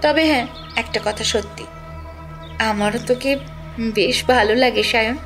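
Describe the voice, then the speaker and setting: A woman's voice: on the high side, a little slow, a bit bright, soft background music. A young woman voicing a caring, teasing young wife in an audio drama, coaxing and playful. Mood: shy.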